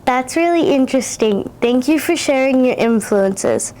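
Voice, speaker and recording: A fourth-grade girl hosts an interview as the student interviewer, carefully reading the introduction and questions she prepared. Her high voice is animated and warm, and she takes her time.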